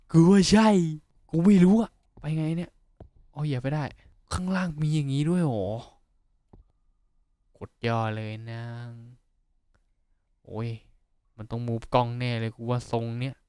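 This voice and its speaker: A man giving casual, profane commentary on a horror game, yelping when startled and dropping to a hush while sneaking. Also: fairly high pitch, no room sound. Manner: excitable, swears a lot, yelps when startled; drops to a hushed voice while sneaking. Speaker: gaming YouTuber.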